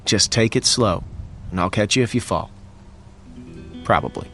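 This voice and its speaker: A man's voice: on the low side, moderate pace, a bit bright, faint music behind. An actor playing an easygoing, protective young man in a dramatic video game, with a casual, reassuring manner. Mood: teasing, easygoing. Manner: casual, reassuring, stammering repetitions.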